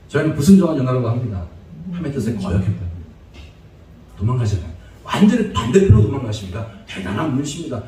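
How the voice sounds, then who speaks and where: A male preacher tells a Bible story as a joking, chatty lecture and laughs often as he goes. His voice is mellow and swings lively up and down. He is heard from a distance in a very echoey church hall, with faint noise behind him. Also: medium pitch. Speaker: evangelist preacher. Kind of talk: humorous sermon lecture. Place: church sanctuary.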